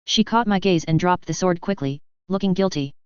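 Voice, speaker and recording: A woman narrating a fan-fiction story in first person, with a steady, smooth reading. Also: lowish voice, fairly quick, no room sound. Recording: dull lo-fi recording.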